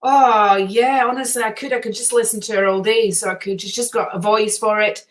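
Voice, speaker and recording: A woman's voice: medium pitch, fairly even intonation, fairly quick. A woman hosting a casual interview chat, talking in a gushing, effusive way. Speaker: show host.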